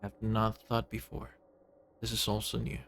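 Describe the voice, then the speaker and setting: A man voicing a vast, childlike alien visitor from a video game, solemn and gently wondering, in short halting phrases. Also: on the low side, monotone, gravelly, a little hiss or hum. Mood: gentle, wondering. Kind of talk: video game dialogue read aloud.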